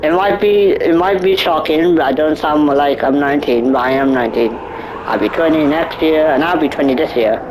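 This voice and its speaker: A man's voice: a little high, moderate pace, background noise. A nineteen-year-old man reading a visual novel aloud, stumbling over words and breaking off for joking asides. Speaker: gaming YouTuber.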